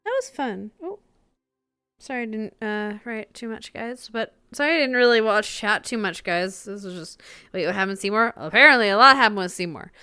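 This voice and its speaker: A woman streamer chats with her roleplay group, swearing freely and laughing through lively stories. Her voice is bright and forward, with a smooth, clear tone. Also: a little high, moderate pace, no room sound. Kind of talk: casual stream chat.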